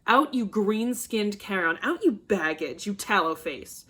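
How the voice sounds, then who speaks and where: Brief: woman as a furious old nobleman father, bossy and loud, shouting bursts, classroom play reading. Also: medium pitch, expressive, measured pace, breathy edge.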